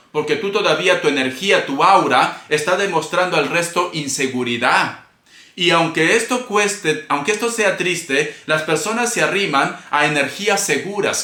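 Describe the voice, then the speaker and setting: Male tarot reader, playful and chatty, slightly high voice, echoey home room. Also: pushed and bright. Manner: chatty, playful, calls viewers cariño; bursts into singing and laughter. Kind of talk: casual tarot reading to camera.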